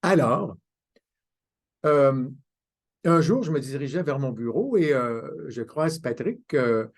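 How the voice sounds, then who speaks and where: A man's voice: mid-range voice, expressive, takes it slowly. An older man, giving a conference talk as a self-mocking, anecdotal storyteller. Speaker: conference speaker. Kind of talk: storytelling lecture.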